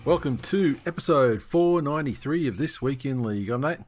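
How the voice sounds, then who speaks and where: A man's voice: mid-range voice, animated, a little fast, faint music behind. A man with an Australian accent hosting a podcast in casual, sweary banter, often repeating and rephrasing himself. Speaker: podcast host.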